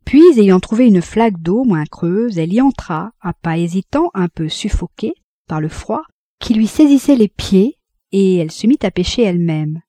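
A woman reading a classic novel aloud in an expressive, measured audiobook narration. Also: mid-range voice, no room sound. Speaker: audiobook reader.

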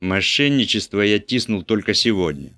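A man's voice: fairly low pitch, animated, moderate pace, bright, forceful tone, no room sound. A man reading an audiobook, voicing a meek, matter-of-fact typesetter. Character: timid plodding typesetter, man. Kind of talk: audiobook character voice.

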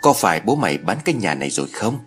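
A man's voice: low voice, very animated, racing, faint music behind. A man voicing a bitter, scolding old grandmother in a spoken story. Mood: grim. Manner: grumbling, scolding.

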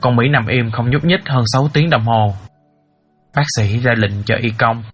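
A man's voice: medium pitch, normal speed, breathy edge, soft background music, natural voice. An actor playing a middle-aged father who earnestly recounts a painful story. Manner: earnest storyteller, cries out in emotion. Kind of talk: audiobook character acting.

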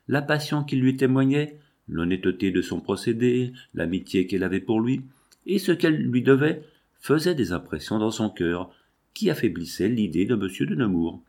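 A man narrating a classic novel as an audiobook, in a measured, expressive reading. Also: lowish voice.

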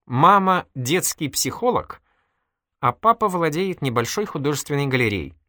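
A man's voice: a little high, expressive, normal speed, bright, forceful tone, no echo, studio quality, voice pushed up. A man playing a wry, polite young detective. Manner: polite, dryly humorous. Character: calm, wry young male police detective. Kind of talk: audiobook character voice.

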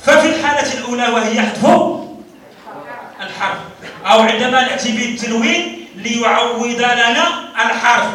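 Male Moroccan lecturer, high voice, quizzes the class and stumbles over restarts; heavy room echo, distant mic. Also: brisk, pauses often, pushed and bright. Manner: questions the students and repeats key terms; frequent stammers and restarts. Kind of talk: university grammar lecture. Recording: roomy echo, mic far off.

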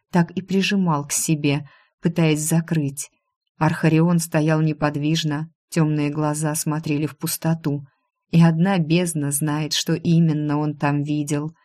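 Low-voiced woman reading a novel. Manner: steady, measured reading. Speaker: audiobook narrator. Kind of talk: first-person fantasy novel reading.

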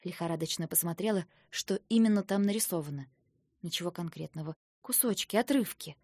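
A woman reading first-person fiction aloud in a soft, subdued manner. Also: fairly low pitch, fast, dry recording, clean studio sound. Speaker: audiobook narrator.

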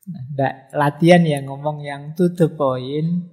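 A man's voice: a little high, steady tone, takes it slowly, darkish tone. Man lecturing in an echoing hall. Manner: chatty, acts out students' lines with humor. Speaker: religious philosophy lecturer. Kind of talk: relaxed study-circle lecture. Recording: long hall reverb.

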